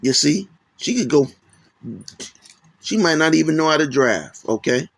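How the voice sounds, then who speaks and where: A man with a gravelly, creaky voice gives loose religious commentary from a close, dry mic. He rambles and keeps checking in with "man" and "okay?". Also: on the high side, animated, normal speed, fairly bright tone, dry recording. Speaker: channel host.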